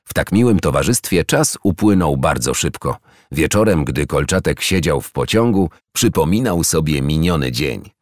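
A man reading a children's story aloud in an expressive storytelling manner. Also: rumbling low, moderate pace, few pauses, no room sound, clean studio sound. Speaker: narrator.

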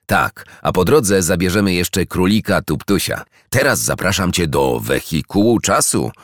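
A man voicing a friendly, talkative male dog in a storybook, raised well above his own low voice. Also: very animated, moderate pace, no echo, studio quality, full character voice. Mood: guiding. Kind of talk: storybook character voice.

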